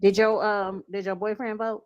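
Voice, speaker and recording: A woman's voice: mid-range voice, level tone, moderate pace, a little mellow, highs cut off. A woman co-hosting a casual livestream chat, outspoken and confrontational with callers. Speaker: co-host.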